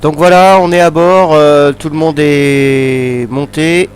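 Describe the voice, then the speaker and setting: A man piloting a small passenger plane, calmly talking viewers through the flight from the cockpit on his headset mic, pausing often to think. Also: fairly high pitch, clean tone, faint music behind. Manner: calm, unhurried, many hesitations. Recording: loud engine noise in the cockpit.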